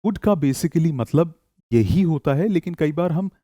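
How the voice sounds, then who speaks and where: A man teaching spoken English in Hindi, reading model sentences slowly for learners to repeat and praising them often. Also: on the high side, lively intonation, mellow, no echo, studio quality.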